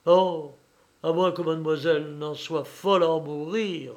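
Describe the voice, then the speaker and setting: A man's voice: fairly high pitch, steady tone, unhurried. A man reading the part of a shrewd, devoted young hunchback who speaks fervently and slyly.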